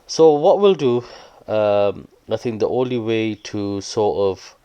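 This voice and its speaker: Guy doing a vlog, explains things earnestly, lots of uhs, deep clean voice. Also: lively intonation, slow pace, warm tone, clean tone. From Britain. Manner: earnest, explanatory, with hesitant fillers. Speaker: vlogger. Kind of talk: casual vlog commentary.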